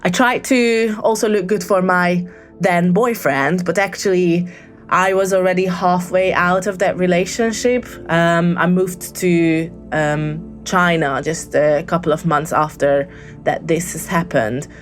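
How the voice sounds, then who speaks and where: This caller, a woman from Hungary, shares a real-life story in a voicemail at a measured pace, her fairly low voice keeping a steady tone. Soft music plays underneath while she stumbles through ums and restarts.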